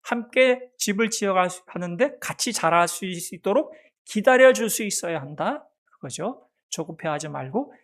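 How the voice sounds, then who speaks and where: A man's voice: high-pitched, animated, moderate pace. A man preaching a sermon as pastor of a church, asking the congregation questions and answering them himself. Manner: acts out a mother's soft baby talk. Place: church sanctuary.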